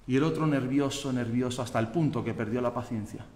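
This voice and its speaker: Spanish pastor preaching in an echoey hall. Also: male voice, medium pitch, a little fast, slight background noise. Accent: Spanish from Spain. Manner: swings from loud fervent exhortation to quiet calm teaching; acts out voices of people in his stories. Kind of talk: sermon. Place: church sanctuary.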